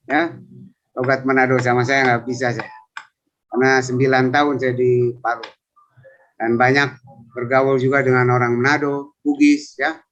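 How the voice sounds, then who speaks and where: Over lo-fi video call audio with slight background noise, a man in his fifties introduces himself during an online coaching session. He's a civil service trainer, and he chats and rambles in a medium-pitched, fairly bright voice.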